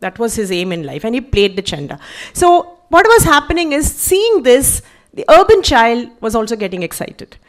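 Author, woman, middle-aged, slightly high voice, chatty and animated festival talk, lots of small laughs. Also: moderate pace. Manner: animated and chatty, with frequent little laughs and self-corrections. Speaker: author presenting her book. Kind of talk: conversational talk at a literary festival. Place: stage at a literature festival.

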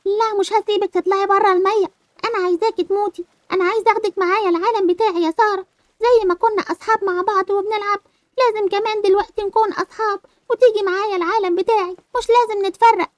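A woman's voice: very high voice, steady tone, very fast, no room sound, studio quality. Woman voicing a clinging girl ghost. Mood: menacing. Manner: pleading then menacing. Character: ghost of a dead girl friend, eerie and clinging. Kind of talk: dubbed game-animation movie.

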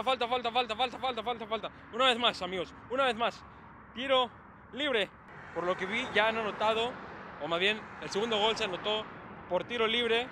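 A young man, reacting live to a match, calm play-by-play breaking into excited shouts, recorded outdoors in a city on a handheld camera. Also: very high-pitched, noisy background. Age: young adult. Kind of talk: live sports reaction commentary.

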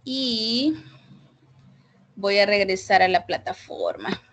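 A woman's voice: mid-range voice, slow pace, fairly bright tone. A woman teaching an online English class over a video call, chatty and full of fillers, checking in with her students. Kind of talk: casual online class explaining grading. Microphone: computer mic on a video call.

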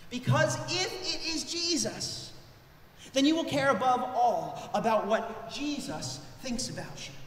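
A male pastor preaching a sermon in an animated way, his voice rising for emphasis. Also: very high-pitched, a little hiss or hum. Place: church sanctuary. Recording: echoey church hall with long reverb.

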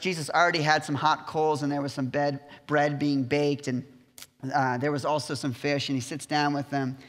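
A man preaching a sermon as pastor, retelling the story with lively storytelling and a bit of humor, in a church. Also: on the high side. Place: church sanctuary. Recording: church hall reverb.

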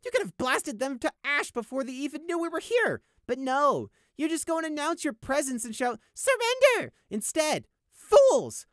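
A man voicing a bitter, bloodthirsty young male sheep in an audiobook, talking with shrill, spitting contempt. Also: level tone, slow pace, few pauses, sharp tone, no room sound, studio quality, heavily acted. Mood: furious.

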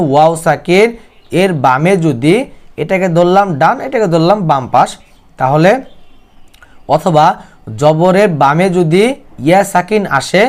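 Man slowly spelling out verses, clear voice. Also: high-pitched. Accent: Bangladeshi Bengali. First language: Bengali. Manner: slow drawn-out chanting of Arabic verses, then brisk spoken explanations; spells each letter and vowel mark aloud, then asks learners to repeat. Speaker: Quran reading teacher. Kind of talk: spelling out Quranic recitation for learners.

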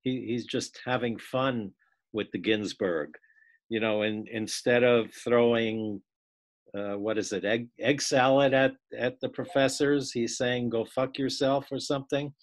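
A man taking part in a class on a video call, reading a poem aloud and then discussing it in a casual, halting way. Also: mid-range voice, steady tone. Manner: unhurried, restarts words, laughs while reading.

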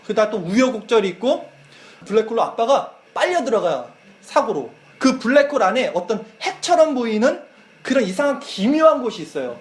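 Guy preaching to students, high animated voice, echoey church room. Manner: lively storytelling, acting out quoted lines. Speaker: youth pastor. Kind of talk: youth sermon retelling a film.

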